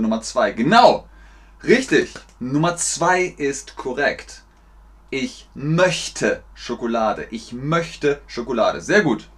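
A man teaching German pronunciation and grammar, slowly repeating words and sentences for learners to copy. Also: mid-range voice. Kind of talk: slow, clear language lesson.

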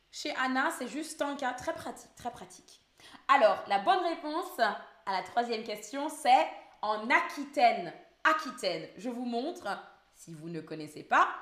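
Slow, patient French teacher woman. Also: a little high, expressive, fairly bright tone, reverberant. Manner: slow, patient, repeats words for learners. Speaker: French teacher hosting a live stream. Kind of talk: live online language lesson.

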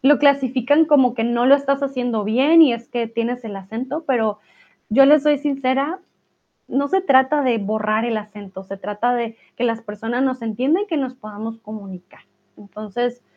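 Tinny-sounding Spanish teacher woman, laughing often. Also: on the high side. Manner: laughs often, speaks slowly and clearly. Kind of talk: live class answering viewer chat.

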